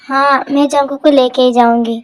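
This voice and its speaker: A woman's voice: high-pitched, little pitch movement, normal speed, soft background music, natural voice. A woman voicing a jealous, vengeful young rival in a fan dub drama, sneering and threatening.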